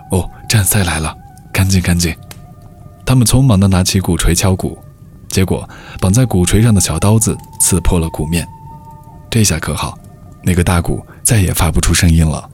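A man telling a folk tale in scripted narration, with an even, measured delivery. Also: low-pitched. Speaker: storyteller. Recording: faint background music.

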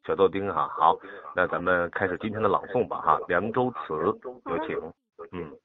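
A man teaching a child to recite a poem over a phone call, patient and drawing words out slowly to demonstrate. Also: low-pitched, lively intonation, a crowd in the background. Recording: tinny phone line.

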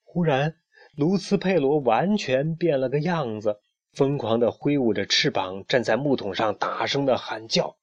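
A man narrating a children's story in a lively way, switching into voices. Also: medium pitch, normal speed, dry recording. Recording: dull lo-fi recording.

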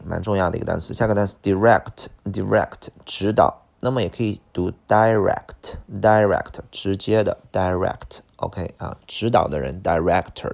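A man's voice: deep voice, gravelly, a little mellow. A man with a Mandarin Chinese accent teaching English vocabulary for an exam, switching between Chinese and English and repeating each word several times. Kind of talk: IELTS vocabulary lesson.

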